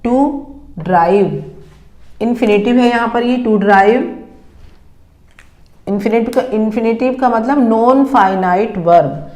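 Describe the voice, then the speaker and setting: A woman teaching English grammar, explaining in Hindi and dictating English example sentences slowly and deliberately. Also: a little high, darkish tone, reverberant. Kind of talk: bilingual grammar lesson.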